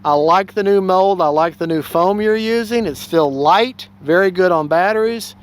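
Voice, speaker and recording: A man's voice: high voice, moderate pace. A man chatting casually about his model plane, rambling and folksy, often correcting himself. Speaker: RC plane hobbyist vlogger. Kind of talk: casual review chat.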